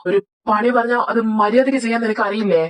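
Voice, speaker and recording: A woman's voice: fairly high pitch, quick pace, close to an everyday voice, low-quality recording. A woman voicing a rude, short-tempered young male boss who scolds his assistant. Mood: scolding. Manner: scolding, domineering. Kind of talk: Malayalam fan audio drama.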